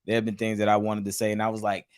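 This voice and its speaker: A man co-hosting a casual relationship chat, animated, repeating himself and swearing casually. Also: on the low side, racing, clean tone, no room sound. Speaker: podcast co-host.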